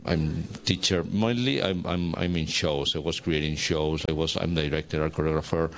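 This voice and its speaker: Spanish guy talking in an interview, super deep voice, stops and restarts a lot looking for words. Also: fairly even intonation, creaky. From Spain. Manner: halting, searching for words. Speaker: guest artist, dancer. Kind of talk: casual interview talk.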